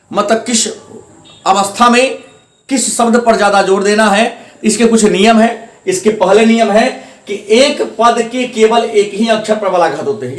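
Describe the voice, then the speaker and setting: High-voiced male teacher in an echoey room. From India. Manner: repetitive, explaining step by step, stressing syllables. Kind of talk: classroom grammar lesson.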